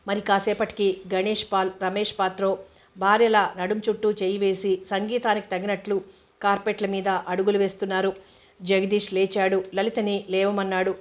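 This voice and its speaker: Woman narrating a novel in an even tone. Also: mid-range voice. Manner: steady, even reading. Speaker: audiobook narrator. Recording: dull lo-fi recording.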